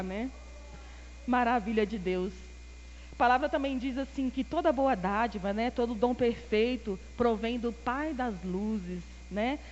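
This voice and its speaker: High-voiced Brazilian woman preaching in a hall. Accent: Brazilian Portuguese. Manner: lively storytelling, acts out quoted dialogue, laughs often. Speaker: deaconess preaching. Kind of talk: church sermon with personal stories. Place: church hall. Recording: dull, hall-reverberant church recording.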